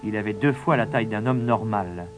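A man reading a children's storybook aloud in a measured, dramatic narration. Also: fairly low pitch.

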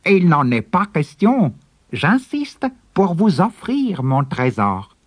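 A man's voice: fairly high pitch, very animated, slow, dry recording, pitched above the performer's own voice, full character voice. A man putting on the voice of a crafty, fawning peasant farmer in a storybook. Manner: overly polite, fawning. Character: crafty, bowing, obsequious male peasant farmer.

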